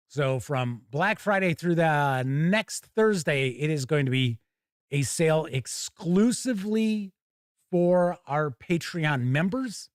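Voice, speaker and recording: A fairly high-voiced American man runs a laid-back YouTube live stream, chatting colloquially and pressing on words for emphasis. The recording is close and dry, with hardly any room sound.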